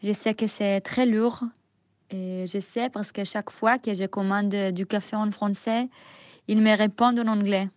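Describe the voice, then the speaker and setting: Young woman, heavy israeli accent, slow flat careful french, dry close sound. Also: mid-range voice, no room sound. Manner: careful, halting learner's French. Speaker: granddaughter. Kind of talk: spoken video letter.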